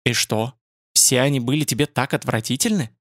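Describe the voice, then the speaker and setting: A man's voice: mid-range voice, brisk, no room sound, studio quality, close to an everyday voice. A man reading an audiobook, voicing a guarded, terse young male warrior.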